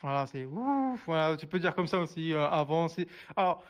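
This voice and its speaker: A man's voice: on the high side, lively intonation. A man teaching a sign language class online, hesitant, full of fillers and restarts, repeating each word as he signs it. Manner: repeats each word slowly while signing. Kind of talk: live online class explanation.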